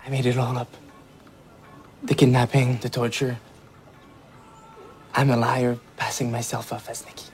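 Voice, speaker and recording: An actor plays a young male impostor who speaks in a flat, guarded tone. It is a film excerpt with faint music beneath, and the voice has a middle pitch. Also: a little slow, pauses often, natural voice.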